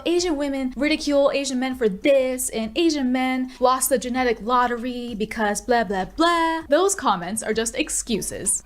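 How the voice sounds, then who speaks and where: A woman talking straight to camera on her channel, blunt and opinionated. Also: a little high. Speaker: YouTuber. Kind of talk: vlog commentary.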